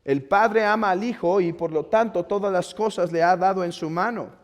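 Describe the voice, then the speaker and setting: A pastor with a Mexican Spanish accent preaching a sermon, earnest and exhorting, rising to loud urging and dropping to quiet pleading. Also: male voice, high-pitched, moderate pace. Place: church hall. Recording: long church reverb.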